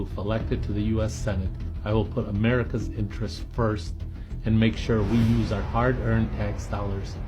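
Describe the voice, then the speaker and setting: Low-voiced man giving a campaign speech. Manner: declamatory, emphatic rhetorical questions. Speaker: political candidate.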